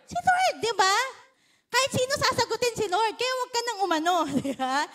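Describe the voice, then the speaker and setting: A woman's voice: very high-pitched, big pitch swings, fairly quick, fairly bright tone. A woman pastor with a Filipino accent, giving a sermon in a chatty, playful style and teasing the congregation. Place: church service.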